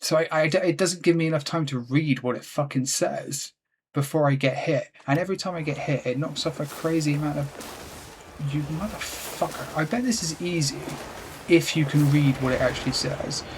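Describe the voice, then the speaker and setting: A man's voice: a little high, fairly quick, a little hiss or hum. Exasperated swearing gamer man. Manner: exasperated, swears constantly, talks to himself. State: frustrated. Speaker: let's play gamer. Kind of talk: gameplay commentary.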